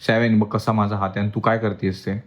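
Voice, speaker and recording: A man's voice: fairly low pitch, flat delivery, a little fast. A man in a home vlog, a father lecturing his small daughter sternly and mixing in English words. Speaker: family vlogger and father. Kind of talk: home vlog, scolding a toddler. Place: at home indoors.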